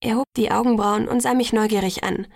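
A woman reading a novel aloud in the first person, calm storytelling. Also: fairly high pitch, fairly quick, creaky, no room sound, studio quality. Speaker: audiobook narrator.

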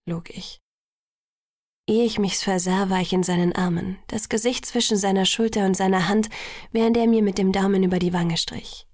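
Creaky-voiced woman reading a novel. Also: medium pitch, a little mellow, no room sound, clean studio sound. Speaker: audiobook narrator. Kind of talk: first-person novel reading.

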